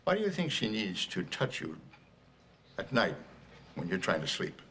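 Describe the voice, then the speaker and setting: A patient therapist who probes with gentle questions. His voice sits low and moves in lively swings, with faint noise behind it. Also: moderate pace, heavily acted. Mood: earnest. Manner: gentle, probing.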